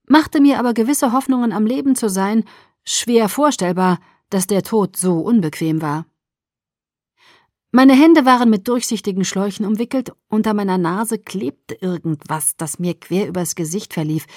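A woman narrating a first-person novel for an audiobook, following the drama and dropping almost to a whisper in quiet passages. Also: medium pitch, no room sound, clean studio sound.

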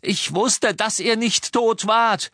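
A man's voice: a little high, sing-song, unhurried, a bit bright, pitched above the performer's own voice, exaggerated voice. A man voicing a young wizard who pleads and defends himself. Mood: defensive.

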